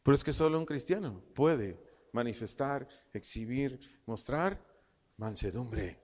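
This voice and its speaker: A man preaching a Bible-study sermon to a congregation, repeating key phrases slowly as if dictating notes and asking his listeners questions. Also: medium pitch, expressive, a little mellow. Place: church hall, also streamed online. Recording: long hall reverb.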